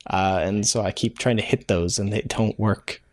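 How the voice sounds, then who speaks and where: His voice is fairly low and a little mellow, with a steady tone and moderate pace. In this relaxed live-coding walkthrough, the host thinks aloud while coding, often saying "uh" and fixing his own words, against a backdrop of typing and clicks.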